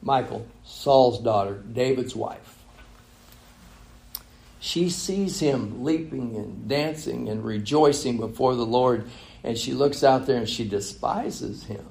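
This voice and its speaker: A male pastor preaching a sermon, switching between loud emphatic reading and quiet, intimate asides. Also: medium pitch, slow, creaky.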